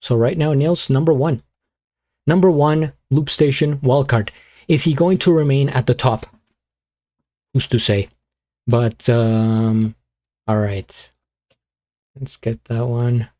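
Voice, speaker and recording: A man streaming live, chatting casually and muttering to himself as he fiddles with his streaming software. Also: medium pitch, fairly even intonation, slow pace, pauses often. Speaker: beatbox streamer.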